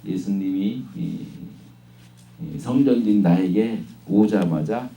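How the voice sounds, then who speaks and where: A man giving a sermon at an unhurried pace with many hesitation fillers, now and then acting out questioning voices. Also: on the low side, gravelly, dark tone, distant mic. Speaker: preacher. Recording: echoey room, voice from off-mic.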